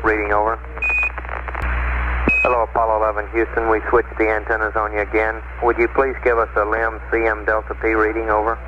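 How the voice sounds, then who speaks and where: A man with a slightly low, flat voice relays procedural messages as a mission-control communicator. He sounds matter-of-fact over a muffled, narrow archival space radio transmission. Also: brisk. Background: loud radio static and noise.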